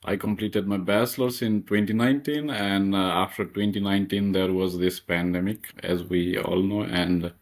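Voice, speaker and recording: A man's voice: low voice, fairly even intonation, moderate pace, hardly any pauses. A young man from Nepal, a master's student being interviewed, who speaks hesitantly with lots of fillers. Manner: hesitant, many fillers and restarts.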